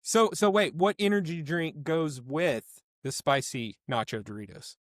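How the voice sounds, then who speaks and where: A man's voice: fairly high pitch, measured pace, dry recording, clean studio sound. Upbeat laughing podcast host man. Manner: upbeat, laughs often, friendly filler talk. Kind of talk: casual podcast interview.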